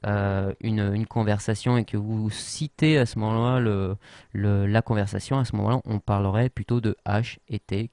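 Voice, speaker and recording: Male tutorial host, low voice, hesitant and filler-heavy, writing as he talks; dry close sound. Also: darkish tone, no echo. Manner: hesitant, many fillers and restarts. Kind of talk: casual tutorial explanation. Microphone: worn mic.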